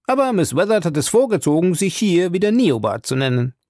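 Man voicing a brisk male detective, quick and raised, storybook reading. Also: sits high, sing-song, a little mellow, dry recording, studio quality, voice pushed up. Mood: brisk report.

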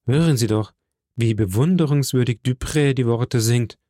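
A man voicing an icy, composed nobleman who speaks with unshakable calm. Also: medium pitch, moderate pace, no echo, clean studio sound, natural voice. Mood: calm menace.

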